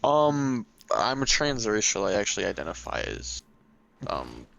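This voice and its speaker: A young man co-hosting a podcast in casual chat, rambling and halting with lots of fillers and restarts. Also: on the low side, wildly swooping pitch, vocal fry, fairly bright tone, dry recording, poor audio. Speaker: podcast co-host.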